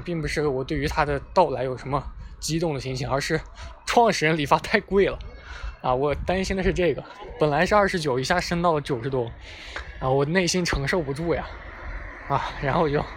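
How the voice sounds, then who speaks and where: A man's voice: fairly high pitch, a little fast. A young man casually telling a funny story, chatty and self-mocking, talking outdoors near traffic. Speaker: vlogger. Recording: clear street and traffic noise behind. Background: passing vehicles.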